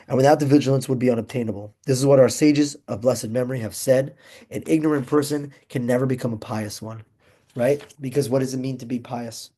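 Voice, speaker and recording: Young male Torah teacher: excitable, emphatic delivery, mellow, darker tone. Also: mid-range voice, slightly rough. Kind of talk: informal Torah class.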